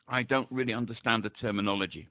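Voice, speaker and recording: A man's voice: mid-range voice, steady tone, quick pace. A man on a support phone call, talking hesitantly and searching for words, heard over a phone line. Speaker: caller seeking support.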